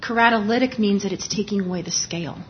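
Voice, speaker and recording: The dermatology lecturer talks fast at a medium pitch, keeping things conversational and explanatory while restarting sentences often, a lozenge in her mouth. It's a live lecture captured in dull audio with slight background noise.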